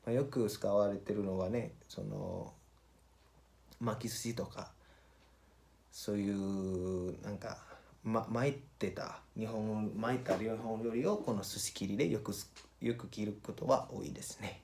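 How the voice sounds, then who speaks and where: Low-voiced man, casual vlogger. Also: vocal fry, a little mellow. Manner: informal, halting, repeats phrases and address tags. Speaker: vlogger and cook. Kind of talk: casual vlogger presentation, switching between two languages.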